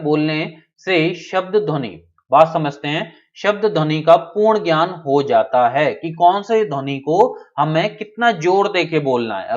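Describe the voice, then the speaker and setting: Male teacher, slightly high voice, live online class, keeps asking if students follow and calls on them by name, dull lo-fi audio. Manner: checks in often, reads out student names. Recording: dull lo-fi sound.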